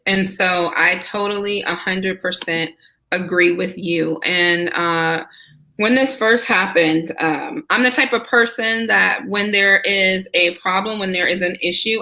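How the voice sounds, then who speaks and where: Bright, talkative woman guest. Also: on the low side, measured pace. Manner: enthusiastic, talkative, asks rhetorical "right?". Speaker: guest, Senate candidate. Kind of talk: casual conversational interview.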